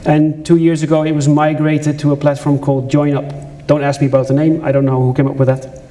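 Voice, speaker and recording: This conference speaker, a man from the Netherlands with a Dutch accent, presents conversationally in a lecture room, with audience asides and frequent restarts. His voice is warm and a little high, with a level tone and a fairly quick pace.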